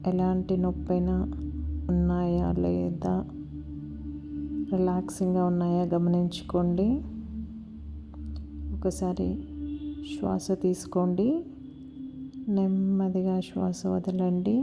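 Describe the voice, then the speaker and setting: Slow, soothing woman guiding meditation. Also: on the low side, monotone, creaky. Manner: slow, soft and soothing, with long pauses. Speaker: meditation guide. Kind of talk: guided body-scan meditation. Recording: slightly dull audio with music behind. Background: soft music and a singing bowl.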